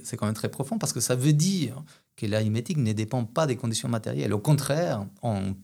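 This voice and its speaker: A man with an Argentine Spanish accent, speaking French as a second language, explains philosophical ideas in an interview, often pausing and restarting. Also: medium pitch, gravelly, a little mellow, husky. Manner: hesitant, many restarts and fillers. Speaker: philosophy guest. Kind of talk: academic interview.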